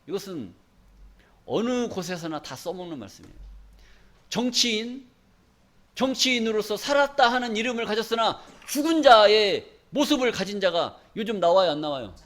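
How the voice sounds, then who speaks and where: A man's voice: high voice, expressive, moderate pace, fairly bright tone. A male pastor preaching a sermon in a church, emphatic and folksy, often asking the congregation questions for them to answer back. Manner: call-and-response questions to the congregation.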